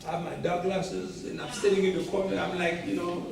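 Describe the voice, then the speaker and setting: A man with a Haitian accent, telling stories to a club audience in an animated way and laughing often. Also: high voice, fairly quick, gravelly, crowd noise. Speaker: guest speaker. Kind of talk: storytelling talk to a club audience. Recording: echoey room, distant mic.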